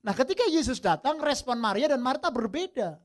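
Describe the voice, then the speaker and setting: A male pastor preaching a sermon, swinging from loud emphatic peaks to soft low asides and mixing in English phrases. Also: brisk. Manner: lively preaching, mixing English phrases, addresses listeners as brothers and sisters.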